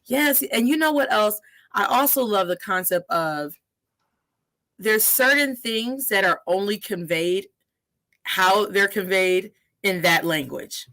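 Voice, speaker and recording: A woman in her thirties hosting a casual interview, energetic and sprinkling Spanish words into her English. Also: mid-range voice, takes it slowly. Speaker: podcast host.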